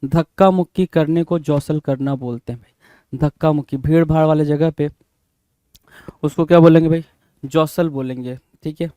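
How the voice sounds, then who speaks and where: This is a vocabulary lesson for exams, led by a man whose voice sits on the high side but has a dark tone. He talks at a normal speed, spells words letter by letter, and prompts students with rhetorical questions, often "bhai?" The recording is dry and studio quality.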